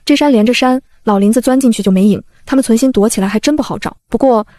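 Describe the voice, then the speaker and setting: A woman's voice: on the high side, fast, mellow, lightly acted. A woman voicing a protective young bandit leader in a storybook, speaking firmly and reassuringly.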